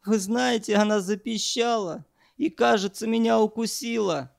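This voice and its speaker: High whiny voice, young male trainee, crying, pleading, gravelly undertone, put on by a man. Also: moderate pace, no room sound, studio quality. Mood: frightened. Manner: pleading, tearful, high-strung. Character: young man, cowardly trainee, sobbing and shrill.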